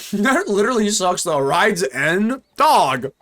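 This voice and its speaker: A young man streams a card game with casual live commentary, his voice high-pitched and his pace slow. Animated and full of jokes, he talks to his chat and to himself.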